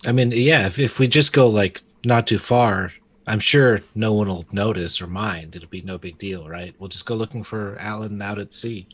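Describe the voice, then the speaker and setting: Male tabletop player, lower voice, rambling and playful. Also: moderate pace, a bit bright. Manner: hesitant, rambling, goofy. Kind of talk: playing a tabletop game.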